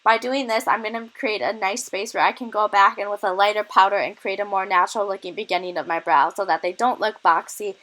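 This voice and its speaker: Young woman, bright voice, out of breath from a cold, chatty makeup tutorial, enthusiastic tips. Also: mid-range voice, steady tone, a little fast, hardly any pauses, poor audio. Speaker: beauty vlogger.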